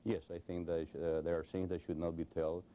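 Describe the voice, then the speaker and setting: A Cuban man, a native Spanish speaker, is a guest on a recorded television interview. His voice is deep and flat with a Cuban Spanish accent, and he speaks fairly quickly but hesitantly, full of fillers and restarts. There's a slight hiss or hum in the audio.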